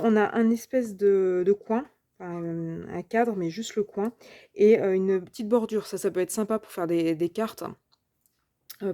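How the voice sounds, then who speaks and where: Woman, warm mellow voice, casual craft review, chatty, hesitant, searches for words. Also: medium pitch. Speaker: crafting channel host. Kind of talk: casual unboxing and product review.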